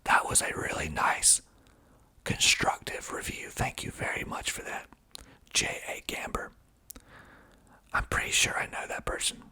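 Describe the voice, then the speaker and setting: A filmmaker reads reviews of his own movie in a hushed, husky, breathy ASMR whisper. He reads aloud and comments slowly and deliberately, keeping his delivery quiet.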